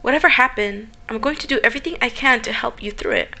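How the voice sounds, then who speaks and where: A woman reading as a kind, gentle male doctor. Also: a little high, fast talker, gravelly, heavily acted. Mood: reassuring. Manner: gentle and reassuring, read aloud plainly. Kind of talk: reading a visual novel's lines aloud.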